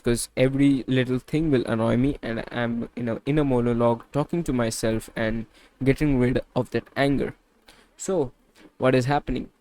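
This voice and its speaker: In a casual confessional vlog documenting his fitness journey, a tired young man vents about feeling irritable and worn out, sweaty from the heat of his small bedroom. His mid-range voice has a dark tone, and he sounds frustrated and repeats himself. There is no room sound.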